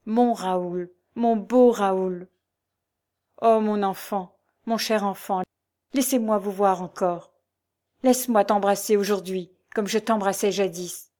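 A woman's voice: medium pitch, steady tone, slow pace, warm tone, natural voice. A woman reading the part of an old former nurse, fervent and tearful, in a storybook reading. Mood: tender.

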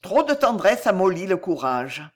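A woman's voice: fairly low pitch, sing-song. A woman reading as a gracious, tender noblewoman. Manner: formal, measured and affectionate. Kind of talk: audiobook reading.

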